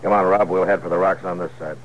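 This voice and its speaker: An actor playing a steady, skeptical American frontier marshal, terse and authoritative, in a 1950s radio western. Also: male voice, low voice, quick pace, natural voice. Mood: commanding. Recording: muffled, noisy 1950s radio recording.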